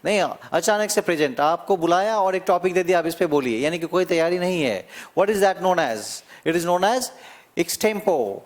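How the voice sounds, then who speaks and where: A man with a fairly high voice teaching an exam-prep vocabulary lesson. He explains slowly, draws out and repeats key words, and keeps checking in with his students. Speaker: English teacher.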